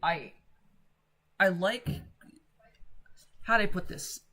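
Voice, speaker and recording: A woman with a low but bright, forward voice and a mixed Atlantic and American accent gives casual gameplay commentary. She rambles through tangents and swears offhandedly as she plays. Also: animated, slow pace, faint music behind. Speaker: let's play host.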